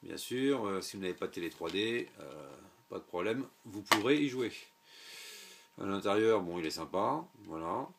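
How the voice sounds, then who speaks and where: A man's voice: lowish voice, animated, moderate pace, gravelly, a bit bright, a little hiss or hum. A man talking through a game unboxing in a casual, hesitant way, full of fillers and offhand remarks. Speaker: video game unboxing vlogger.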